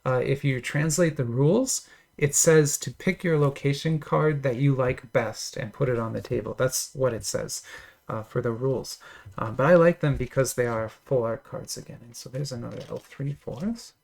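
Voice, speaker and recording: A man's voice: mid-range voice, moderate pace, gravelly, a little mellow. A man casually talking through opening trading card packs, enthusiastic and chatty with lots of fillers and little laughs. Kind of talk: casual unboxing commentary.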